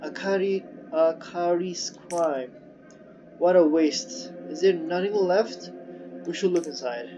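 A man reading aloud the lines of a woman scientist exploring an alien ocean, slow and earnest, with halting restarts. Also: high voice, dark tone. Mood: somber. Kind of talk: reading game dialogue aloud. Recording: dull lo-fi audio with game music.

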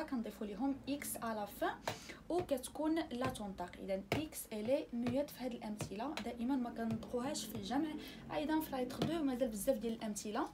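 A woman's voice: high-pitched, noisy background. Moroccan woman teaching French pronunciation. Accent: Moroccan Arabic. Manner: slow, drawn-out demonstration of pronunciation. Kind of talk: online language lesson.

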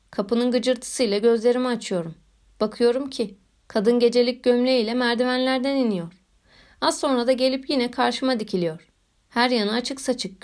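A woman reading a story aloud as a narrator, in a measured and expressive way. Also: fairly high pitch. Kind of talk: audiobook narration.

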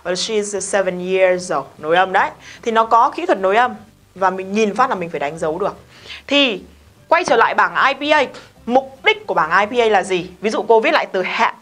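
A woman's voice: medium pitch, animated, fairly quick, fairly bright tone. A woman, teaching an English lesson in a casual, emphatic way and often asking her students questions. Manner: chatty, emphatic, talks straight to students with questions.

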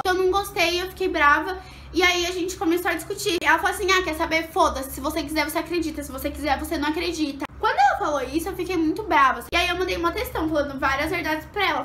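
Young female vlogger, high bright voice, rapid storytelling, small echoey room with faint ambience. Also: slight background noise. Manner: animated, acts out quotes with big pitch jumps. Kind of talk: storytime vlog.

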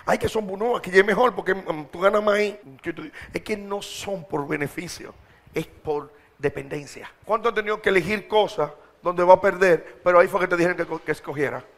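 A man's voice: high-pitched, brisk, fairly bright tone. A man preaching a sermon, exhorting his congregation in a direct, colloquial way.

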